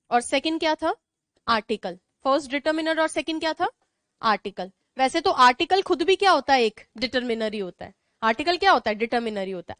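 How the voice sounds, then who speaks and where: Indian-accented woman teacher, high voice, asks the class questions and repeats key points, dry close mic. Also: a bit bright, dry recording. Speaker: English grammar teacher. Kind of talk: online class lecture.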